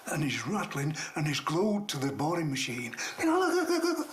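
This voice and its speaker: An older man, a retired coal miner telling mining stories in a halting, dialect-rich way. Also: on the high side, expressive, slight background noise. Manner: halting, dialect-rich, acts out shouts in his tales. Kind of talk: casual reminiscing storytelling.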